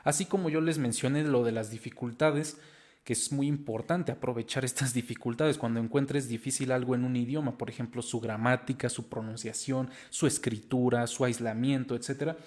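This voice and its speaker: A man's voice: mid-range voice, darkish tone. Young Mexican guy in his 20s, earnest, encouraging motivational host talking to camera. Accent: Mexican Spanish. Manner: earnest and encouraging, addressing viewers directly. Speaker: language-learning video host.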